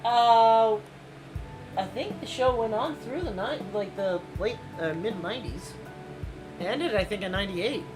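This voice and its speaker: A woman in her late twenties chatting casually while she works on a craft project, excitable and quick to swear. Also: on the high side, low-quality recording. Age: 20s. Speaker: co-host of a crafting stream. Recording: music playing underneath.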